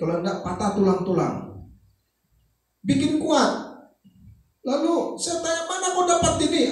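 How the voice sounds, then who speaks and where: A male pastor with a Sabah Malay accent preaches in a high voice that swings up and down. He tells a story and acts out each person's lines. The sound comes from a distant mic in a very echoey church. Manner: animated storytelling, acting out dialogue. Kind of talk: sermon with anecdotes. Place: church service.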